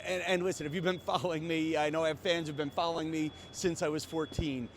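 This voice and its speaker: A man's voice: a little high, little pitch movement, fast, a little hiss or hum. A man who is a comedian and host, talking in a casual, joking vlog monologue into a small remote microphone. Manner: joking, conversational. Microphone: small remote microphone with a phone.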